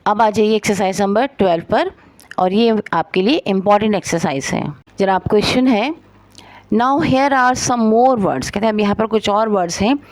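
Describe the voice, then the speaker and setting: A woman with a Pakistani Urdu accent teaching English. She reads the English sentences slowly, explains them, and spells words out letter by letter. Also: mid-range voice, a little mellow, no room sound. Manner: slow and careful reading of English, then explaining it. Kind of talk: spoken textbook lesson.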